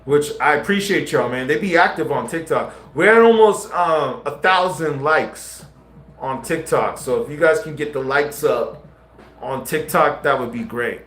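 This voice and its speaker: A man's voice: a little high, unhurried, fairly bright tone. Slangy man live-streaming in a roomy space. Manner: slangy, talks straight to viewers. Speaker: livestreamer. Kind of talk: casual live-stream commentary. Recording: roomy echo with faint music.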